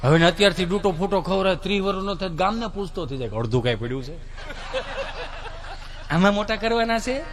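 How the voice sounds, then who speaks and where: Lively high-voiced comedian. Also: male voice, quick pace, long pauses. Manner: lively, mimics relatives and children. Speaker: stand-up comedian. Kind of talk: folksy stand-up storytelling.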